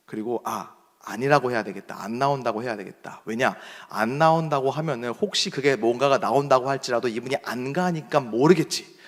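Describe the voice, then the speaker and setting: A young man preaching as a pastor, speaking standard Seoul Korean as an animated storyteller. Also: mid-range voice, a little fast. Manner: animated storyteller acting out shouted quotes. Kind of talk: sermon with storytelling. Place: church hall. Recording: long reverb of a church hall.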